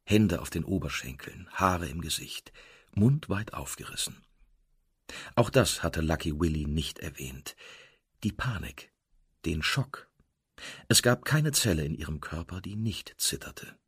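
A man narrating a novel in an expressive storytelling manner. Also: low-pitched, measured pace, breathy edge, no room sound, studio quality. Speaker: audiobook narrator. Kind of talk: scripted narration.

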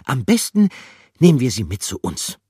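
A man's voice: mid-range voice, wildly swooping pitch, moderate pace, mellow, slightly rough, no echo, studio quality, pitched above the performer's own voice, exaggerated voice. A man voicing a caring, decisive female mouse in a storybook reading. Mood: resolute.

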